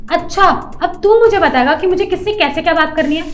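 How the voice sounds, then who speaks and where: A woman's voice: very high-pitched, a little fast, faint music behind. A woman playing a rude, haughty office manager in a short skit, talking down and scolding. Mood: scornful. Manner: scolding, bossy, condescending.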